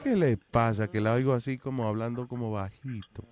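A man's voice: mid-range voice, fairly even intonation, fairly quick, a little mellow. A man hosting a radio show, bantering playfully with callers and co-hosts and dropping English phrases into his talk. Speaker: radio host.

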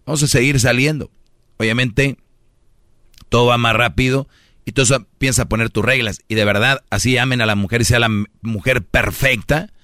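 A man's voice: medium pitch, steady tone, moderate pace, sharp tone, dry recording, studio quality. A man hosting a casual radio show, teasing his co-host and giving dating advice at length. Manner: talkative, teasing, acts out voices of young women.

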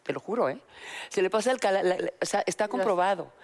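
A middle-aged woman with a Mexican accent, a talk-show guest telling candid anecdotes in an animated way. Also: medium pitch, fast. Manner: animated storyteller, acts out voices in quotes.

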